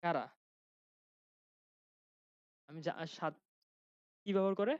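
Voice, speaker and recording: A young male grammar teacher with a Khulna Bangla accent gives a chatty classroom lecture, asking his students questions and restarting sentences. His voice is a little high, slow, slightly mellow, clear and resonant. The recording is dry and a bit dull, with no room sound.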